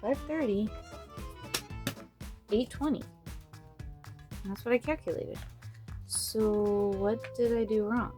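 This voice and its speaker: Woman budgeting vlogger, unhurried, flat and murmured delivery as she counts cash, soft music low underneath. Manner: monotone, thinking aloud, counting bills under her breath. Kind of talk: casual talk while counting cash.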